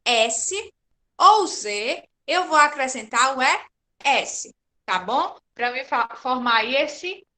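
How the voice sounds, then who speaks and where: A woman's voice: sits high, lively intonation, slow, sharp tone. A woman teaching an online grammar class, explaining patiently step by step and checking often that students follow.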